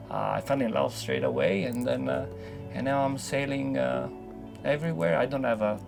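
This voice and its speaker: Male sailor as interview guest, creaky voice, informal reflective talk with light music underneath. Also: mid-range voice. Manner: philosophical, rambling, informal.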